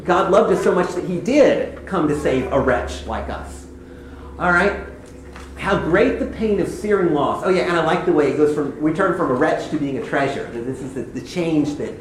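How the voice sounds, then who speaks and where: A man with a slightly high voice walks through a hymn line by line as a Bible teacher. His talk is conversational, and he slows down for scripture passages. The room gives his voice a noticeable echo, with faint noise behind it. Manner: conversational, reads scripture slowly. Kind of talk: devotional teaching on hymn lyrics.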